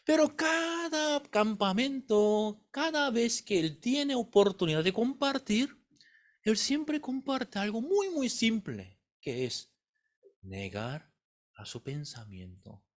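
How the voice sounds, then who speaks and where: Animated male preacher, high lively voice. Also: slow pace. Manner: animated storytelling, quizzing the congregation. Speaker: pastor. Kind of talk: sermon.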